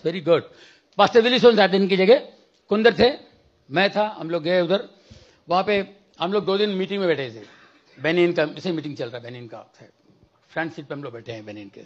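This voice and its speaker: A man's voice: high-pitched, muffled recording. A man preaching a testimony in church, telling a story with acted-out dialogue, mixing in English phrases. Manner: storytelling, acts out dialogue, bursts into shouting prayer. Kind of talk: sermon testimony.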